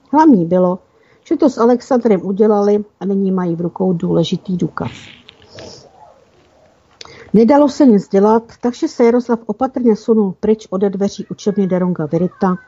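Husky-voiced woman reading a story. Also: mid-range voice, warm tone. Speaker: narrator. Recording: dull lo-fi recording.

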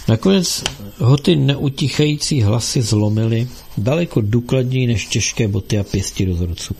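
A man narrating an audiobook in a steady, measured reading style. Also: mid-range voice, vocal fry.

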